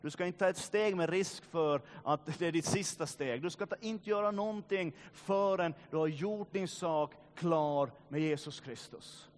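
A man preaching a sermon, swinging between loud urging and quiet, grave passages, with joking asides to the congregation. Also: a little high, hardly any pauses. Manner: joking asides, addresses listeners directly. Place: church meeting.

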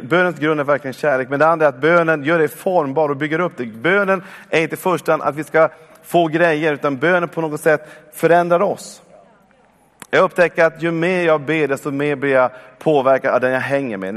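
A man's voice: on the high side, fairly bright tone. A man in his forties preaching a sermon, exhorting his listeners with repeated calls to come on. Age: 40s. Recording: long reverb of a church hall.

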